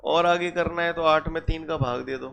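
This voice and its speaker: A man's voice: fairly high pitch, fairly even intonation, normal speed, gravelly, fairly bright tone, smooth. A man teaching a physics class, often checking his students as he works through problems. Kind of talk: classroom lecture.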